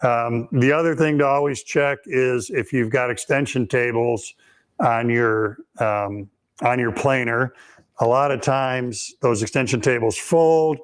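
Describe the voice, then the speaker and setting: A woodworking instructor and host with a raspy, hoarse, medium-pitched voice runs a live Q&A in a shop. He explains techniques step by step at an unhurried pace, with frequent ums.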